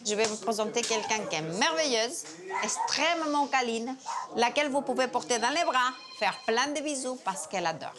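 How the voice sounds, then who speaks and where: A woman who handles adoptions, speaking warmly and coaxingly to a visiting family. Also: on the high side, expressive, moderate pace. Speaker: adoption manager. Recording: crowd noise behind.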